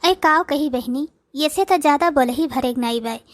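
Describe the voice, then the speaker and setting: A woman's voice: high-pitched, moderate pace, no echo, studio quality, lightly acted. A woman voicing a grumbling, suspicious old mother-in-law in a cartoon, speaking with an Awadhi accent. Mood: complaining. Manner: whiny, complaining, gossiping to the audience. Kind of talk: comic cartoon dialogue.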